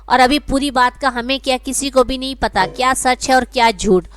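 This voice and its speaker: A woman's voice: high voice, fairly even intonation, lightly acted. A woman voicing a stern, grieving young man who firmly orders his family, in a read-aloud story. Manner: firm, commanding.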